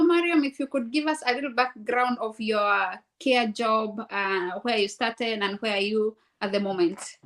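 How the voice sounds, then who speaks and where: Chatty higher-voiced woman hosting a live chat. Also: fairly bright tone. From Kenya. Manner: friendly, chatty, many fillers. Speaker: host, registered nurse. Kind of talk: live-streamed casual interview.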